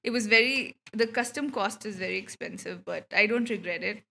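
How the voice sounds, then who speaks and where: Chatting in a giggly, scattered way on her game livestream, this Indian woman speaks a little fast at medium pitch. Her tone is pushed and bright, with some vocal fry.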